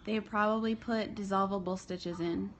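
A woman's voice: mid-range voice, fairly even intonation, normal speed. A woman chatting casually in short questions, patiently humoring someone and echoing back what she hears. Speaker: caregiver filming and questioning the patient. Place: small bedroom, indoors. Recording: muffled phone video with noticeable noise.

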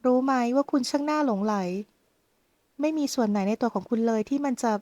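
A tender young male lover from a romance audiobook, read by a woman. He speaks softly and slowly with an intimate, teasing warmth. The voice sits a little high and the recording is dry and close. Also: no room sound, close to an everyday voice. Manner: soft, slow and intimate.

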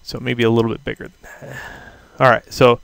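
A man teaching a software tutorial over a screen recording, talking casually and thinking aloud with fillers. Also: medium pitch, level tone, fairly quick, gravelly, no room sound. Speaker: instructor.

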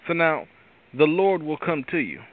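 Man, raspy voice, tired, rambling faith talk, tinny phone-like sound. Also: fairly high pitch, big pitch swings, normal speed. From Pittsburgh area. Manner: rambling, restarts often, preachy asides. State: tired from lack of sleep. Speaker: host. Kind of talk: casual devotional talk.

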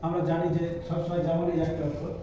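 A man's voice: a little high, completely flat delivery, warm tone, slight background noise. Echoey, distant male teacher. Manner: slow, patient, repeats letter sounds to drill pronunciation. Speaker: Arabic reading teacher. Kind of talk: spoken classroom lesson. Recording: echoey room, voice from far off the mic.

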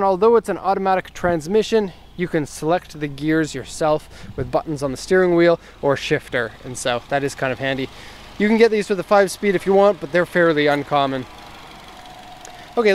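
A man's voice: fairly high pitch, slight background noise. Easygoing man reviewing a car outdoors. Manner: easygoing, thinks aloud with fillers and restarts. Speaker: car importer reviewing an auction car. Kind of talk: casual walkaround car review. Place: outdoors in a residential street beside the car. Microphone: handheld camera mic, filming himself off-camera.

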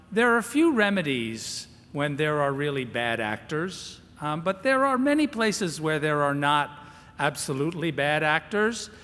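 A man with a bright, fairly high voice gives a measured panel answer after a halting start. His words carry the long reverb of a big conference hall. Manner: hesitant start, measured and reasoned. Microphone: table microphone.

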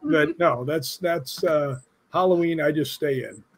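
A man's voice: fairly high pitch, a little slow. An older man, a guest on a video call, telling joking stories with chuckles. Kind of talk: casual video-call interview.

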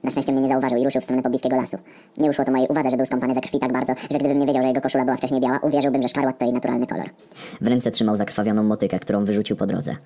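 A man narrating a comedic story in a deadpan, wry tone with frequent swearing. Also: medium pitch, rapid-fire.

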